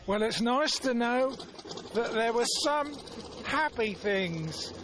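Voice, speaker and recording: A woman's voice: a little high, animated, takes it slowly. A woman, presenting and interviewing people on location in a chatty style. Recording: faint outdoor noise, vehicles nearby.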